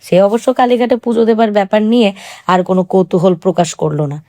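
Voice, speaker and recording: A woman narrating a literary novel as an audiobook, in a calm, even storytelling manner. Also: mid-range voice, fairly quick, dry recording.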